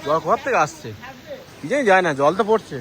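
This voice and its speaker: A man narrating a casual travel vlog outdoors by a mountain river, chatty and excited as he talks to his viewers. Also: sits high, fast talker. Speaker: travel vlogger.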